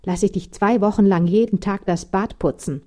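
Eine Frau, die eine strenge, nörgelnde Mutter spricht, schrill und vorwurfsvoll. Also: female voice, a little slow, warm tone. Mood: scolding. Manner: shrill, nagging, scolding. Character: strict nagging mother, sharp and disapproving.

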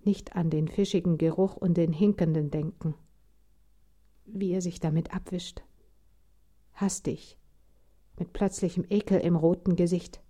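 Eine Frau, die einen literarischen Text ruhig und ernst vorliest. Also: female voice, fairly low pitch, steady tone, unhurried, long pauses, warm tone. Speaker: reader. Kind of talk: literary audiobook reading.

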